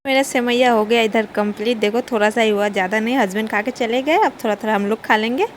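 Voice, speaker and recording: A woman's voice: a little high, fast talker, slight background noise. A young woman, talking through her day and cooking in a casual home vlog, chatty and often laughing. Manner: chatty, laughs while telling. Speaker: vlogger. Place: home kitchen.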